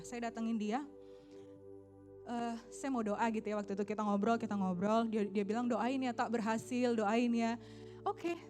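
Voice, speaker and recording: A middle-aged woman preaching a sermon, telling a personal story with emotion and changing tones for the people she quotes. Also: mid-range voice. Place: church stage.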